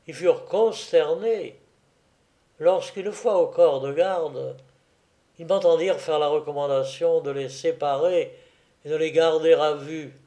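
A man reads a first-person memoir aloud as an audiobook, in a fairly high but mellow voice. His delivery is very slow and deliberate, with the odd hesitant filler. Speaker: narrator.

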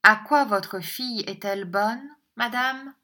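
A woman's voice: a little high, unhurried, pushed and bright, pitched above the performer's own voice. A woman voicing a stern, scornful old miser uncle who talks in a curt, impatient way, in an audiobook reading.

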